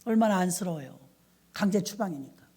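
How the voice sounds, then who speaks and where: Middle-aged woman pastor, sermon storyteller, lively, plays out dialogue as she goes. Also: fairly low pitch, brisk, breathy edge.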